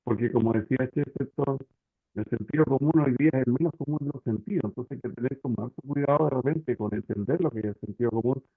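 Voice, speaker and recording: A man's voice: medium pitch, quick pace, slightly rough, dry recording. A man speaking thoughtfully in an online reading group, his audio breaking up over a bad connection. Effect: bad connection, choppy cutting-out audio. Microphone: badly plugged computer mic on video call. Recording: tinny, choppy video call line.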